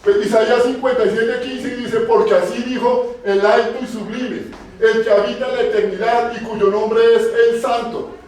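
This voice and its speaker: High-voiced preaching man in an echoey church. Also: fairly even intonation, moderate pace, a little mellow, recorded from a distance. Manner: preaching, asking the congregation questions and repeating key phrases. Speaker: pastor. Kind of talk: sermon.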